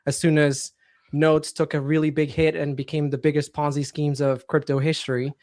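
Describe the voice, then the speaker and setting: A man from Portugal with Portuguese as his first language, a podcast guest explaining his story in a relaxed, steady way. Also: a little high, normal speed, dry recording, clean studio sound. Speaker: guest entrepreneur. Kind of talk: casual interview chat.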